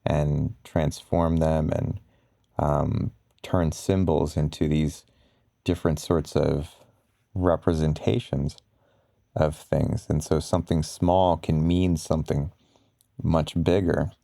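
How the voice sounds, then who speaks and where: A man with a very low, dark and mellow voice talks slowly, as in bedtime pillow talk for ASMR. He rambles casually through explanations, pausing often. The delivery stays flat and relaxed. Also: creaky, no echo. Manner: halting, rambling, casual explaining with frequent pauses. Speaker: ASMR content creator.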